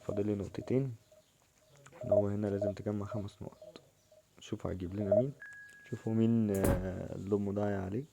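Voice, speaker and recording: A young man with an Egyptian Arabic accent, commenting casually on his own football video game match and shouting at the players in excited bursts. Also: lowish voice, quick pace, vocal fry, long pauses, heavy background noise. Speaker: gaming channel host.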